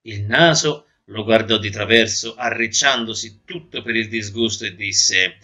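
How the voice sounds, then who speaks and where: A man reading a children's story aloud in an expressive, theatrical way. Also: on the low side, unhurried.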